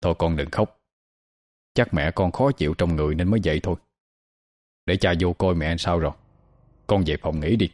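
A troubled middle-aged father in an audio ghost story, hushed and low, his tone dark and mellow, as the male narrator voices him. Soft music sits behind. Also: normal speed, long pauses, dry recording, clean studio sound. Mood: soothing.

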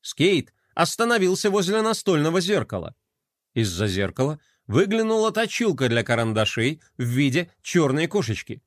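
A man narrates a children's storybook in a fairly high voice that swings widely in pitch. He reads expressively, and the recording is dry and close, with no room sound. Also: very animated, normal speed, no echo.

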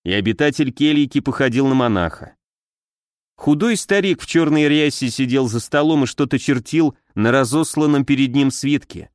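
A man narrating an audiobook in a steady, even reading. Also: mid-range voice, moderate pace, no room sound, clean studio sound. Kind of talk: scripted narration.

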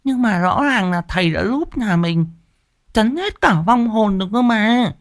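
A man voicing a sharp-tongued village wife in a high, nagging, mocking voice. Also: lively intonation, measured pace. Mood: scolding, doubtful.

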